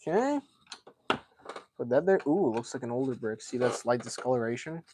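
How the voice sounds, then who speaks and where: A man's voice: medium pitch, lively intonation, normal speed, noisy background. A man hosting a casual live stream, chatting and thinking aloud as he builds, a self-described yapper. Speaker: livestream host.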